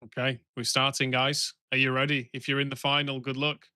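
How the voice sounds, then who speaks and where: A man's voice: mid-range voice, little pitch movement, a little fast, bright, forceful tone, smooth, no echo. A man co-hosting a game stream, casually reading chat and chatting along. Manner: reads chat messages aloud, easygoing. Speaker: stream co-host.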